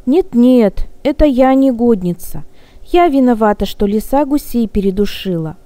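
A woman's voice: on the high side, lively intonation, normal speed, mellow, no echo, close to an everyday voice. A woman voicing a frightened little orphan girl who pleads through her tears. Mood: tearful. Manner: pleading, tearful.

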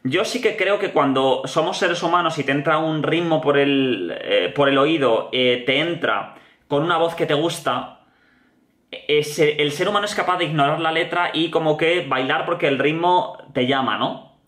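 Young guy from spain w/ spanish accent, reacting to a song, slangy and animated, kinda high voice, echoey room. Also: moderate pace. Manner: animated, slangy, repeats "tío" often. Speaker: music reaction host. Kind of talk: casual music reaction commentary.

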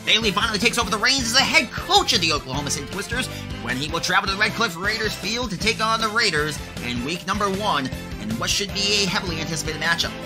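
Man, livestream host, high-ish voice, jokey hype talk, music playing behind. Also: animated, fast talker, hardly any pauses. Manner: joking, hype, talks to chat. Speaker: stream host and commentator. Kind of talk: casual livestream commentary.

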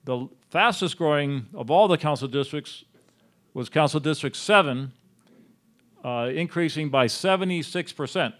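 A man presenting census figures at a city town hall meeting, speaking in a measured way with frequent pauses. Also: on the high side, a bit bright. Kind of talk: slide presentation on census data.

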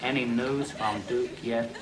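Actor as a slow, portentous police chief. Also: male voice, mid-range voice, natural voice. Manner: deliberate, portentous deadpan. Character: stern, self-important male American TV police chief. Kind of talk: cop show parody acting. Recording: old TV soundtrack, loud audience and noise.

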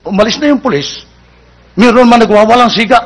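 A man's voice: very high-pitched, brisk. A Filipino man telling a long comic story in a stage routine, acting out the characters he quotes. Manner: acts out quoted characters with raised voice. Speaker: comedian telling jokes.

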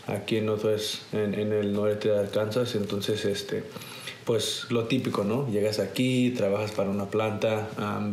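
A US-born man in his twenties, a guest, casually tells childhood stories in a garage-style indoor set with a couch, filling his speech with lots of "este" fillers. His voice is lowish and a little mellow, and the recording is reverberant with a bit of hiss or hum.

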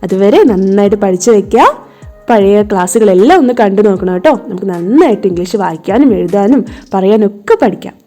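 A woman's voice: mid-range voice, a little fast, dark tone, soft background music. A woman English tutor with a Malayali accent, patiently spelling words out letter by letter and checking that her young students understand. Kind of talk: online lesson for children. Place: home tuition setting.

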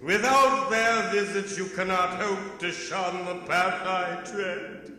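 An actor in a live staged radio drama playing a doom-laden male ghost, wailing in drawn-out, booming chant. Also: steady tone, heavily acted. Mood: ominous wailing. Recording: reverberant hall with loud music. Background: loud music.

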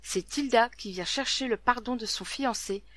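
A woman narrating an old legend as a scripted story, reading dramatically and dropping to a hush at tense moments. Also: on the high side, normal speed, no room sound.

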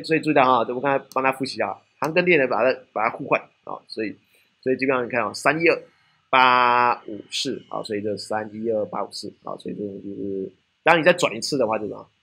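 A man's voice: fairly low pitch, fairly bright tone, slightly rough. A man with a Taiwanese Mandarin accent giving a technical classroom lecture, often asking rhetorical questions and checking in with "right?".

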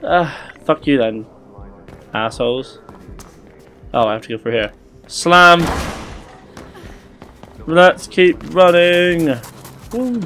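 A young man commentating his gameplay, joking and swearing with excited outbursts. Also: medium pitch, a little slow, pauses often, soft background music. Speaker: gaming YouTuber. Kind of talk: let's play commentary.

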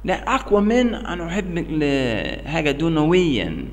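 A middle-aged American man speaking earnestly and emphatically in halting, broken Arabic with an English accent, as in an informal religious talk. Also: on the high side, wildly swooping pitch. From United States. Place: small bare indoor room. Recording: echoey reverberant room.

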